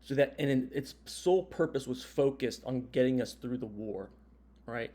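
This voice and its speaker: A man's voice: mid-range voice, normal speed, mellow. An American man speaking as a history and government teacher in an informal recorded lecture, explaining step by step and checking in with short tag questions. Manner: explanatory, punctuates points with check-in tags like "right?" and "okay?".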